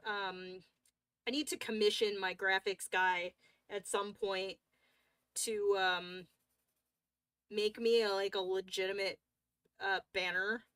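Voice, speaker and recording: Chatty slow-talking woman streamer. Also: medium pitch, fairly bright tone, no room sound. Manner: chatty and rambling, with frequent fillers and restarts. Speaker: coloring livestream host. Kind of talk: casual livestream chat while coloring.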